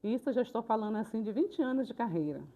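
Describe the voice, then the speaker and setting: An older woman, a retired teacher telling classroom stories in a lively, colloquial way for a documentary. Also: on the high side, quick pace. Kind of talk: documentary interview storytelling. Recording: slightly dull, lo-fi sound.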